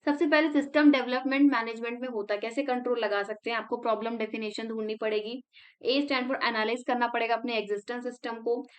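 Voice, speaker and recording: A young woman tutor giving a casual exam revision lesson, chatty, walking through mnemonics step by step with English terms in Indian English. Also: on the high side. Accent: Indian English words mixed into Hindi.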